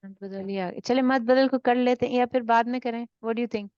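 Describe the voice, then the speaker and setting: A woman's voice: fairly high pitch, steady tone, a little mellow, smooth, no room sound. A woman teaching a tajweed class, explaining rules and often checking that the students follow, mixing two languages. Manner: checks understanding with frequent tag questions. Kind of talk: online class, mixing Urdu and English. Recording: dull lo-fi sound.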